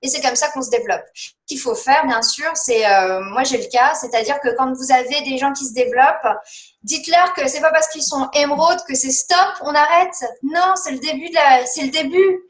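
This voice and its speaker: A woman's voice: high voice, moderate pace, reverberant. A woman giving rambling, chatty coaching advice on a team call, with many fillers and laughs. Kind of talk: casual motivational coaching talk.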